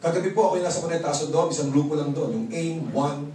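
A man from the Philippines giving an animated motivational seminar talk, telling stories, acting out both sides of the exchange, and laughing often. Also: fairly high pitch, fast. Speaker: marketing plan presenter. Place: large hall with live audience. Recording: echoey hall, crowd noise, distant mic.

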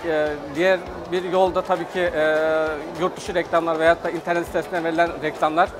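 A middle-aged man giving a trade fair testimonial at his company booth, speaking hesitantly with many filler pauses. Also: fairly high pitch, flat delivery, over music. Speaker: company representative.

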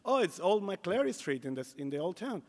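A man voicing a calm, matter-of-fact bar patron in a joke, in a reverberant hall. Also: sits high, fairly quick, voice pushed up, full character voice.

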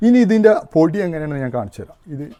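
A man talks through a hands-on demonstration in a relaxed, casual way. His voice sits high for a man. He explains one step at a time and keeps asking whether you have followed. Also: very fast. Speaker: home arrowroot powder maker demonstrating.

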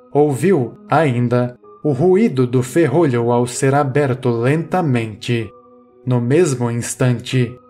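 A man reading a horror story aloud in a measured, suspenseful way, as the channel's narrator. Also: medium pitch. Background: soft music.

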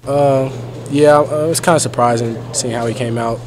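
A young man in a postgame press scrum, answering reporters in a subdued, halting way with lots of fillers, recorded on phones held close. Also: mid-range voice, steady tone. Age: young adult. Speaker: college basketball player. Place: crowded arena interview area, curtained backdrop. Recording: crowd noise behind the voice. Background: crowd chatter.

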